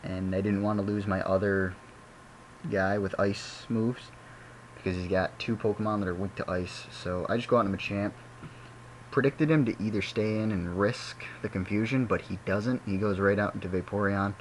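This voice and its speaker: Young man, deep voice, chatty rambling game commentary over a faint background hiss. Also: steady tone, moderate pace, poor audio. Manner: rambling, self-correcting, chatty. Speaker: gaming commentator.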